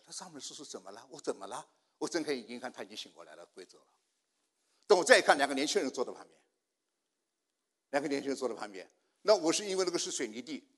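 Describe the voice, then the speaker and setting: An older man preaching a sermon, telling a personal testimony and swinging from hushed prayer to loud outbursts. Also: medium pitch. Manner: storytelling, swinging from hushed to shouting.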